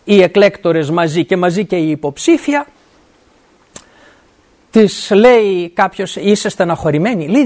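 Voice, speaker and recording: A middle-aged preacher delivers a sermon, and the pitch rises and falls in wide, animated swings. The delivery is earnest and plain-spoken, with frequent pauses to check that listeners follow and with scripture quoted along the way. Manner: earnest, often stops to ask "right?" and quotes scripture. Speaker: university academic.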